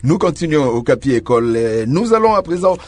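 A man's voice: on the high side, big pitch swings, fast talker, a little mellow. A man hosting a radio school show and taking listener calls in a formal, courteous way. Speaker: radio host. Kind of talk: radio call-in moderation. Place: radio studio.

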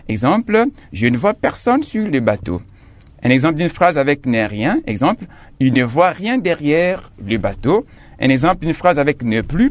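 Animated male teacher dictating grammar examples. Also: fairly high pitch. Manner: slow, emphatic dictation of example sentences. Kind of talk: radio school lesson on French grammar.

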